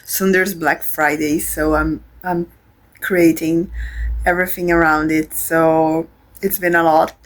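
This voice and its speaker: A young woman talks casually about her current read in English, her voice sitting a little low. She rambles, filling pauses with ums and restarting her sentences. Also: flat delivery, rough recording. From Brazil. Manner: rambling, hesitant, many fillers and restarts. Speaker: book vlogger. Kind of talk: casual reading vlog chat.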